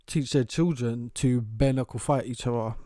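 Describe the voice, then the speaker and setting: A man's voice: mid-range voice, normal speed, no echo. Laid-back man, casual swearing. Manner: animated storytelling, swears freely, laughs often. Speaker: podcast co-host. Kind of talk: casual uncensored chat.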